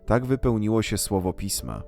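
A man reading a Gospel passage aloud in a solemn, measured liturgical style. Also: lowish voice, sing-song, creaky. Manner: measured, unhurried, reverent delivery. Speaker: scripture reader. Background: soft guitar music.

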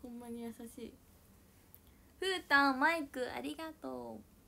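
A young woman with a high, bright voice and a chats casually with viewers on her livestream. She is bubbly and giggly, and she talks loudly. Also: unhurried, creaky. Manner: giggly, bubbly, frequent laughter; self-describedly loud voice. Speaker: idol livestreamer. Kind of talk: casual chat reading viewer comments.

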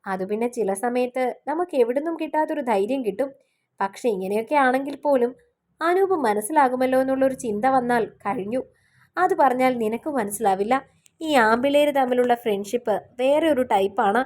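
A woman reading the lines of a reserved, shy young man in a storybook romance, speaking softly. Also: on the high side, lively intonation, brisk, natural voice.

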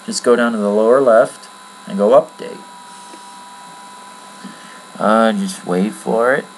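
A man giving a casual, rambling screen-recorded software tutorial from his computer at home, with many fillers. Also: on the low side, slow pace, a little hiss or hum, rough recording. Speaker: tutorial maker.

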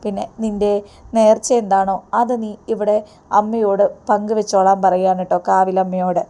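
A woman voicing a calm temple priest giving solemn instructions. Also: mid-range voice, moderate pace, natural voice.

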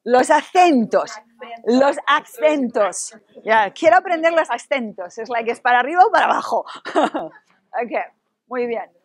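A woman with a Spanish accent leads a workshop for teachers, lively and playful as she questions the room. Her voice sits a little high. The sound is close and dry, with no room around it. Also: moderate pace, long pauses, dry recording. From Spain. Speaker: university Spanish instructor leading a workshop. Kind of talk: interactive workshop discussion.

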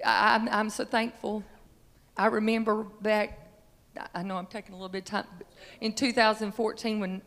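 In a large church sanctuary, a woman in her fifties gives a testimony of faith before singing, holding a microphone. Her slightly raspy, mid-range voice sounds earnest and halting, stressing key phrases. The sound carries the reverberation of the church hall.

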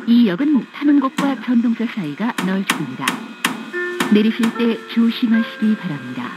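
A woman reading a polite, clearly enunciated, recorded train station announcement. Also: fairly high pitch, expressive, normal speed. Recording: muffled audio with music behind.

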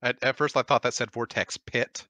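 A man's voice: medium pitch, fairly even intonation, fairly quick, pushed and bright, no room sound. A man giving wry, slightly formal commentary in a casual gaming chat.

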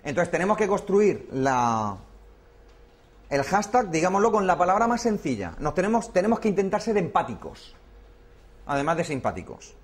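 A man's voice: sits high, sing-song, moderate pace. A man teaching a hands-on workshop class, explaining step by step and often checking in with his listeners. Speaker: workshop instructor.

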